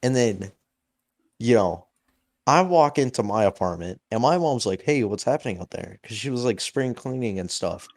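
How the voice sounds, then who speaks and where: A young adult man telling a story in a casual podcast chat, animated and acting out the people in it. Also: mid-range voice, moderate pace. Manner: animated, acts out voices in anecdotes. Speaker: podcast co-host.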